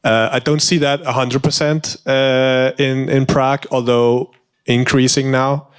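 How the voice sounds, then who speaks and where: A man from Denmark, a venture investor on a startup jury, answering in a relaxed, slightly unsure way. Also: mid-range voice, unhurried, clear, resonant tone. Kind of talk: panel answer at a startup event.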